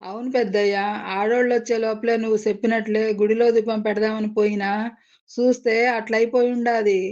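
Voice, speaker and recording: A breathless young village man, voiced by a woman narrator blurts out his report in an urgent rush. The mellow storybook voice has a dull, lo-fi tone. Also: on the high side, flat delivery, natural voice. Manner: urgent, rushed.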